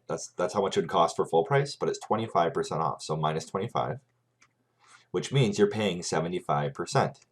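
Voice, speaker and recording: A man teaching a math lesson over a screencast, talking through each calculation step by step and often checking in with "right?". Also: low-pitched.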